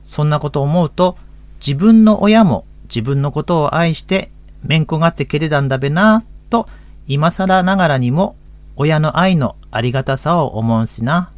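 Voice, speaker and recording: A man's voice: fairly high pitch, lively intonation, normal speed, no echo. A man in his fifties with a Tohoku accent, a pastor hosting a religious radio talk in a folksy, chatty way. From Akita, Japan. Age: 50s.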